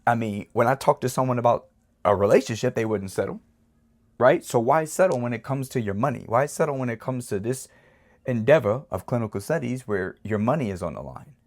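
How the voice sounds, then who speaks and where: A man's voice: mid-range voice, lively intonation, a little fast. A man hosting his own channel, giving a rambling, casual motivational talk and often checking in with the listener. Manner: rambling, repeatedly asks "right?". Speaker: channel host.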